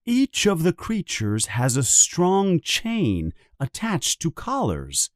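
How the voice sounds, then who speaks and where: A man narrating a simple storybook for learners in a very slow, expressive reading. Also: on the high side, no room sound, clean studio sound.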